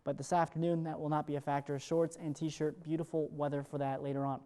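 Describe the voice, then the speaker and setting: Delivering the morning weather live, this male television forecaster keeps up brisk, upbeat, improvised patter. His pitch is on the high side with little movement, and his tone is mellow and smooth, never sharp.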